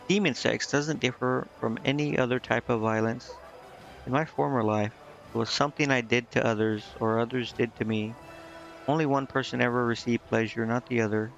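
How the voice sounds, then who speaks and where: A man streams a game, commenting casually and reading the dialogue aloud hesitantly, tripping over words. His medium-pitched voice is gravelly and a bit bright, at normal speed with fairly even intonation. The audio is slightly muffled, with game music behind him.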